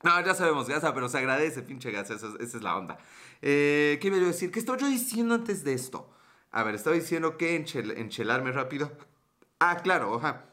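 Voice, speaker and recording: A man with a Mexican accent chats casually on his livestream, his voice bright and slightly high. He jokes around in slang and greets his viewers by name as they drop in. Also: big pitch swings, fast. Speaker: livestream host.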